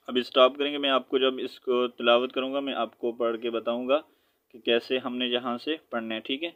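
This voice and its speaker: Man, Pakistani Urdu accent, Quran recitation teacher, flat even pitch, smooth resonant voice, slightly dull lo-fi recording. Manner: patient teacher, quick asides, slow drawn-out recitation. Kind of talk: spelling out and reciting a Quran lesson.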